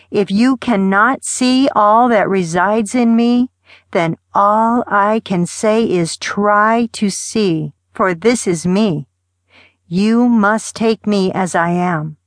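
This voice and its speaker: A woman narrating an audiobook of love poems, reading in a soft, tender, unhurried way with gentle pauses. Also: mid-range voice, no echo. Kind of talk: poetry reading.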